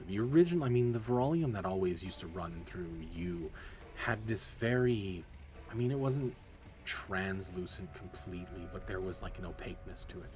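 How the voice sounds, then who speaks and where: A man running a tabletop game as game master, narrating loosely with restarts and fillers. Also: lowish voice. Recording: music playing behind.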